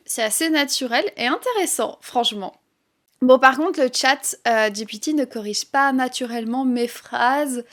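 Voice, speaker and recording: A woman with a French accent giving a relaxed, conversational language lesson, explaining things with light laughs and fillers. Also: fairly high pitch. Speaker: French teacher.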